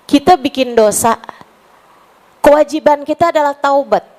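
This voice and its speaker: A woman's voice: fairly high pitch, low-quality recording. A woman in her forties from West Java, preaching casually to a women's gathering, chatty and mixing in Arabic phrases, slipping into pleading prayer. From West Java, Indonesia. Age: 40s.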